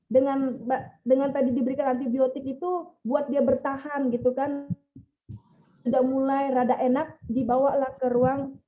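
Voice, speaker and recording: A woman pastor giving an emotional, earnest testimony and speaking straight to her listeners. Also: high-pitched. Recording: tinny phone-like sound.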